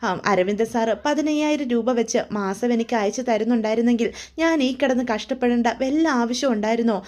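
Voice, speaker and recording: A woman's voice: fairly high pitch, a little fast, darkish tone, lightly acted. A woman voicing a grieving, loyal older male worker who confides in a pleading way. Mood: tearful confiding.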